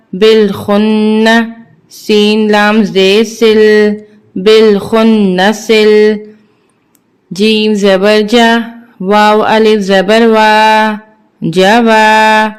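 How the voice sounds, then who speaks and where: Very clear-voiced woman teaching recitation. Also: mid-range voice. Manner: drawn-out syllable-by-syllable spelling, quick asides when explaining. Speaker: Quran reading teacher. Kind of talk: slow spelled-out recitation lesson.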